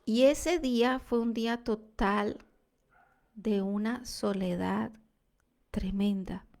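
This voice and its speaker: A woman sharing a devotional testimony, earnest and reflective, sometimes dropping to a soft whisper. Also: on the high side, fairly even intonation, takes it slowly.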